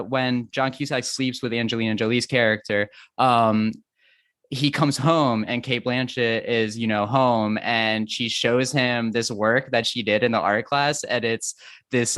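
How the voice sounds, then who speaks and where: A man talks eagerly about a film as a podcast guest, laughing easily along the way. His voice sits in a middle pitch and sounds dry and close to the mic. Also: a bit bright, smooth, no echo. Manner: eager, chatty, laughs often. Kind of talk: casual film discussion.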